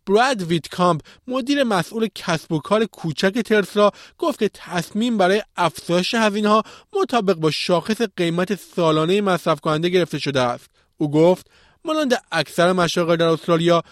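Higher-voiced man reading news, dry sound. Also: no echo. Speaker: podcast news presenter.

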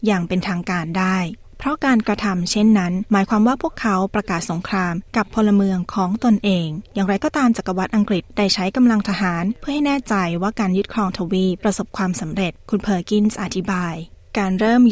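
Woman, medium pitch, formal scripted news narration, careful enunciation, dry close sound. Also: brisk, hardly any pauses, a little mellow, no room sound. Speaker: radio presenter.

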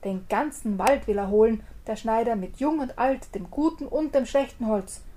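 A woman tells a fairy tale in a lively way and explains the dialect words as she goes. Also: on the high side, moderate pace, a little hiss or hum. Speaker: storyteller.

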